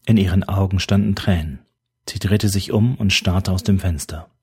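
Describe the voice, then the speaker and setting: A man narrating an audiobook in a steady, even storytelling manner. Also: sits low, normal speed, slightly rough.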